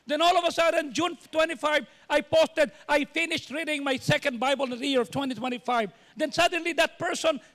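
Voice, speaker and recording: A man's voice: very high-pitched, moderate pace, hardly any pauses, pushed and bright. A man with a Filipino accent preaching a sermon as pastor, mixing Tagalog and English and asking teasing rhetorical questions.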